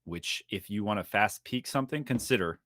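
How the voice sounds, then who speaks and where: A young man hosting a casual esports podcast, talking fast and joking around. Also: fairly low pitch, no echo, studio quality. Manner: energetic, jokey, fast-talking. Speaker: podcast host.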